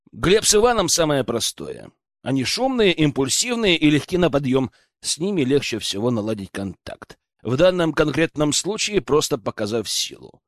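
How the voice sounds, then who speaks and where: A man narrating a first-person fantasy audiobook in a wry, expressive manner. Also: a little high, no room sound, clean studio sound.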